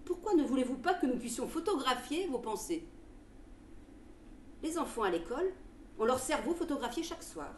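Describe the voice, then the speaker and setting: A woman voicing a learned, gently condescending male doctor of the future in a theatrical story reading. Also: high-pitched, very animated, normal speed, pauses often, distant mic. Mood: gently lecturing. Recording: roomy with faint background noise.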